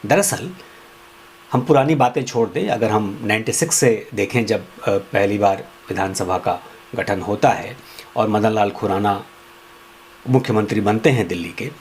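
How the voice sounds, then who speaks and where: A man delivering a political opinion monologue, accusatory and emphatic, jumping up in pitch on key words. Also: normal speed, a little hiss or hum. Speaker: political commentator.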